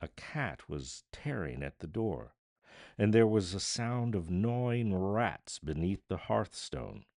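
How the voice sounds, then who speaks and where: A man narrating literature as an audiobook reader, theatrical, deliberate and solemn. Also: lowish voice, animated, creaky, darkish tone, dry recording, studio quality.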